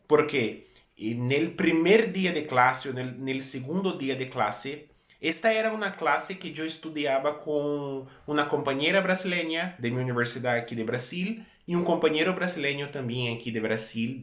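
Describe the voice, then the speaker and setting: This Brazilian man, in his thirties and speaking with the accent of his native Portuguese, narrates a casual travel-vlog story to the camera. His medium-pitched voice moves at a moderate pace against reverberant acoustics, and he stays relaxed while often backtracking to repeat or correct words mid-sentence.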